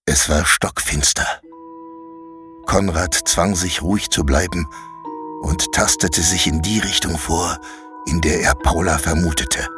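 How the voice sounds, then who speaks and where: A man narrating a fantasy audiobook chapter in a measured, dramatic storytelling manner. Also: sits low, steady tone, a bit bright. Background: faint music.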